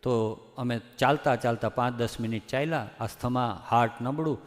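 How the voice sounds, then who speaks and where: An earnest religious speaker from Gujarat, a man of middling pitch, pleads with his audience and presses his points with emphatic warnings. A long hall reverb trails every phrase. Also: normal speed. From Gujarat, India. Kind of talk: devotional discourse.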